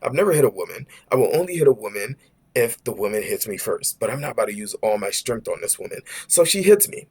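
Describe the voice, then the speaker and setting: A young man with a New York accent telling a personal story to camera in an animated, rambling way, full of "like", "bro" and "right?". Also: fairly low pitch, quick pace, breathy edge. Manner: animated, frequent restarts. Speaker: vlogger. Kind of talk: casual storytime monologue.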